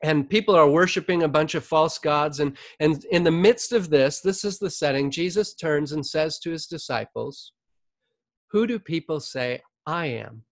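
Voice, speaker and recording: A man's voice: on the high side, moderate pace, hardly any pauses, dry recording, clean studio sound. A male pastor giving a sermon as conversational storytelling, often checking in with "right?".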